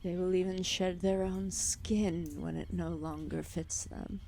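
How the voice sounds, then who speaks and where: In an ASMR roleplay, a woman acts as an ancient serpent goddess who is calm, solemn and gently possessive, speaking slowly in a dark, lowish, steady voice. Her tone is soft and breathy, often sinking into whispers, with formal, deliberate phrasing and long pauses. The mood is earnest and grave, with slight background noise.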